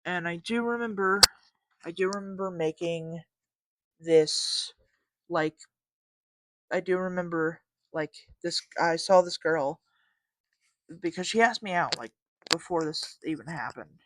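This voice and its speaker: A man's voice: fairly high pitch, a little slow, long pauses. A teenage boy hosting a podcast, telling a story casually in a rambling way, full of fillers and restarts, and often losing track of what he was saying. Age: teens. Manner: loses track mid-story. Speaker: podcast host.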